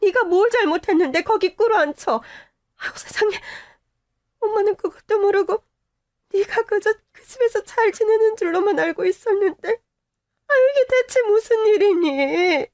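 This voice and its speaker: A woman's voice: very high-pitched, moderate pace, dry recording, studio quality, voice pushed up. A woman voicing a distraught middle-aged mother who laments and protests in tearful exclamations and sighs, in a Korean-style radio-drama story reading. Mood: indignant, tearful.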